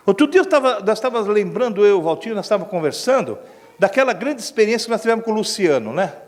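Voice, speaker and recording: A man with a Brazilian accent preaching a sermon as pastor, telling a story in an animated way and acting out what people said. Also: high-pitched, fast talker. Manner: animated storytelling preacher, acts out quoted speech. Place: church hall. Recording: echoey church hall with long reverb.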